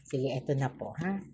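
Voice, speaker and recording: A woman's voice: deep voice, warm tone, a little hiss or hum. A woman with a Filipino accent giving a casual tarot reading, chatty, with frequent tag questions and sarcastic asides. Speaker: tarot reader.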